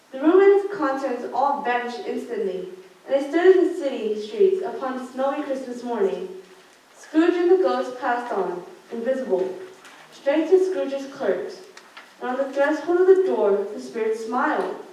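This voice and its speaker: Her voice sits high and is a little mellow as this teenage girl narrates a scripted storybook passage for a student radio play. The recording, made indoors in a big school theater classroom, is echoey and picked up from a distance amid background noise.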